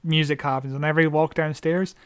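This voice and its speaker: A man's voice: fairly high pitch, flat delivery, a little fast, clear, resonant tone, no room sound. A man co-hosting a podcast in casual chat, swearing freely and restarting his sentences. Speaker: podcast co-host.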